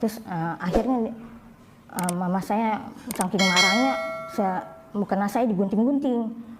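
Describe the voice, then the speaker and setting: A young woman calmly tells her own story as a personal testimony, often jumping up in pitch when she quotes other people. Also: unhurried. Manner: plain storytelling, rising high when quoting others. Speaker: convert sharing her story. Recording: faint background noise.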